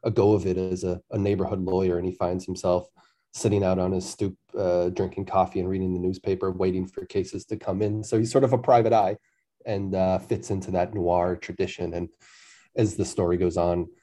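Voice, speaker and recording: An author from Massachusetts, USA, is interviewed as a guest over a phone line, speaking thoughtfully and laughing easily. His voice is low-pitched and mellow, with a flat, brisk delivery.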